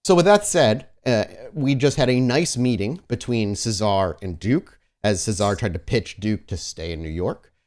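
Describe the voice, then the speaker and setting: With hardly any pauses, a man speaks at normal speed in a fairly low, darkish voice. As host and game master of a tabletop roleplaying podcast, he chats casually and then narrates improvised scenes.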